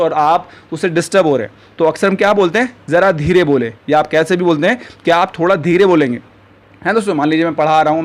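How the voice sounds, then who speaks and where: A man teaches a spoken lesson at a brisk, rapid clip. His voice sits a little higher than most men's, and he keeps calling his viewers friends. He slows right down whenever he gives an example sentence. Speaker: English teacher.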